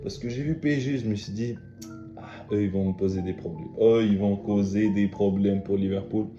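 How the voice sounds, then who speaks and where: Dark-voiced young man chatting football. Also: fairly low pitch, fairly even intonation, moderate pace. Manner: chatty, emphatic, with many fillers and restarts. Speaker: football video host. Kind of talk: casual football analysis. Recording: dull lo-fi sound in an echoey room with faint music.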